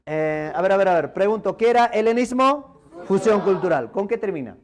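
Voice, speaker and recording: A male teacher from Peru leading an exam review class in a classroom, firing quick questions at his students and answering them himself in a lower voice. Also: lively intonation.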